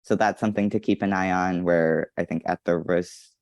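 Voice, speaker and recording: Male guest writer, very deep gravelly voice, hesitant, dry sound. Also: steady tone, moderate pace, a little mellow, no echo. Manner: hesitant, many "um"s. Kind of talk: casual interview chat.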